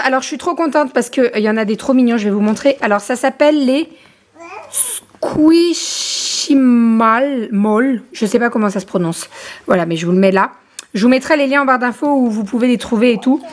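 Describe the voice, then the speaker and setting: A young mother films a casual vlog at home and chats to the camera in a fairly high voice. She fills her pauses with hesitations and keeps breaking off to talk sweetly to her baby. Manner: chatty, filler-heavy, turns aside to coo at her baby.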